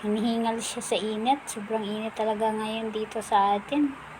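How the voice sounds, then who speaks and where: A woman's voice: on the high side, fairly even intonation, moderate pace. A woman vlogger casually narrating what her dog is doing, now and then calling to it in a cooing, sing-song voice. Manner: coos and calls to her pet in a sing-song voice. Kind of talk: casual running commentary. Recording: audible background noise.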